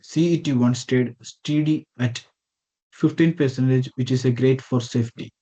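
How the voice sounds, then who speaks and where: A man gives a scripted slide presentation over a video call. His voice is dark and mellow. The call audio sounds dull and muffled, and he reads with small slips that he corrects as he goes. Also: mid-range voice, normal speed. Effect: heard over a video call. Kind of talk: reading a prepared slide presentation.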